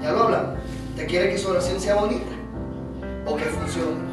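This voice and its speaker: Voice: medium pitch, moderate pace. A pastor preaching a sermon in a church hall, acting out the voices of the people they quote. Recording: very echoey hall, distant mic, music behind.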